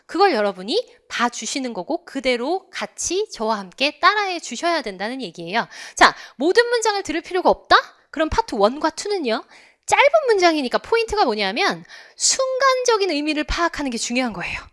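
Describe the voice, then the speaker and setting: A woman's voice: high-pitched, sing-song, a little fast, fairly bright tone. A woman with a Korean accent teaching in an online English test lecture, asking her students to repeat phrases after her.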